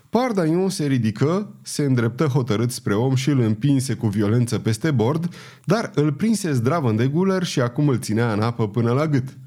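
Expressive male audiobook narrator, dark tone. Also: mid-range voice. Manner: dramatic, expressive reading. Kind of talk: scripted narration of a historical novel.

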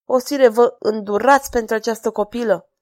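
A woman's voice: fairly high pitch, steady tone, a little mellow, dry recording, studio quality, natural voice. A woman reading aloud voices a desperate male court jester who begs with a trembling, tearful voice. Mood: pleading.

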